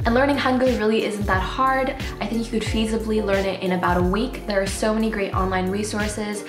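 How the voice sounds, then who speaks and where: In a relaxed, talkative vlog, a young woman who speaks Nepali as her first language offers casual tips, using lots of filler words. She has a mid-range voice, recorded with a roomy quality.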